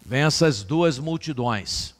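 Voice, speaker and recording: A man preaching a sermon as pastor, slow and dramatic, with rhetorical repetition. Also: medium pitch, expressive, long reverb tail. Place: church hall.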